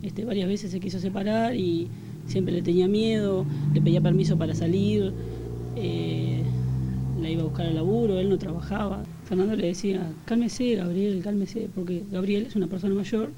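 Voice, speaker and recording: A woman with an Argentine Rioplatense accent, recounting a family tragedy in an interview, with halting speech and many fillers. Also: mid-range voice, fairly even intonation, heavy background noise. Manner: halting, filler-heavy retelling. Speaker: victim's relative giving testimony.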